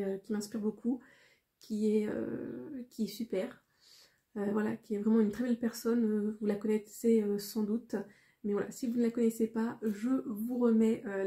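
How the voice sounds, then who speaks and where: Mellow, hesitant French woman vlogger. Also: mid-range voice. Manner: hesitant, rambling, frequent pauses. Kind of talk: casual unboxing vlog.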